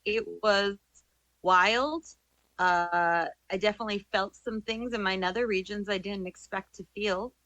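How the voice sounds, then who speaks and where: A bright, forceful woman's voice in a dry, close recording. She co-hosts with casual storytelling, dropping profanity and bawdy jokes in a deadpan way. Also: mid-range voice, dry recording, poor audio. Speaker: podcast co-host.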